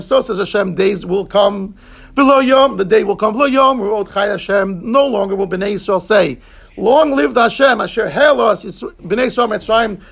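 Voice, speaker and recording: A man's voice: sits high, creaky, a bit bright, breathy edge. A man teaching a Talmud class, explaining each term in English and answering his students. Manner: explains terms in English, quick asides to students.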